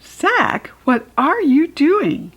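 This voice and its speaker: A woman voicing an easygoing, mildly puzzled mother in an animated storytime reading. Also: high-pitched, very slow, exaggerated voice. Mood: questioning.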